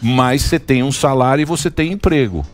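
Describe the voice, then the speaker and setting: A man chatting on a talk show panel, joking and telling anecdotes in an animated way. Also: mid-range voice, a little fast, faint music behind. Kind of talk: casual panel debate.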